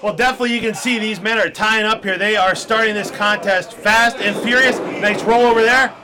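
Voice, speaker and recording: A man's voice: high voice, fairly even intonation, fairly quick, noisy background. A man doing live play-by-play commentary at a wrestling show.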